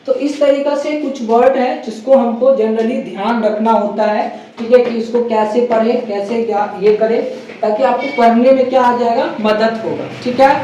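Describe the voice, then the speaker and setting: A woman's voice: on the high side, steady tone, moderate pace, dark tone, muffled recording. A woman English teacher giving a spoken pronunciation lesson, repeating each word and asking the viewer to say it back, with English phrases mixed into her explanation. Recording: echoey room, distant mic, faint hiss.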